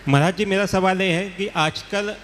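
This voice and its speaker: A high-pitched man, a questioner at a gathering, earnestly asks a monk for guidance in formal, respectful phrasing. Long reverb from the hall trails his voice. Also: steady tone, normal speed, fairly bright tone, slight background noise. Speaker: audience questioner, government officer.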